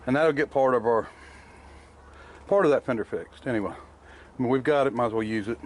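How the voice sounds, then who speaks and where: A man's voice: mid-range voice, brisk. A man talking casually about restoration work in his workshop, rambling with lots of fillers while chewing candy. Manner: rambling, plainspoken, many fillers. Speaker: car restorer showing his shop work. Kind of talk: casual shop vlog narration. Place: workshop garage.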